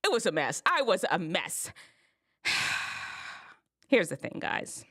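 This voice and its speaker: A woman hosting an advice show, telling a personal story in a casual, expressive way. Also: on the low side, slow. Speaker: host giving advice to teens.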